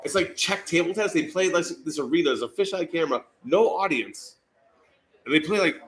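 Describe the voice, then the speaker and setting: A man's voice: a little high, animated, fairly quick, a bit bright, a little hiss or hum. A man hosting live bar trivia, reading out questions, cracking jokes and swearing freely. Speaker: trivia host.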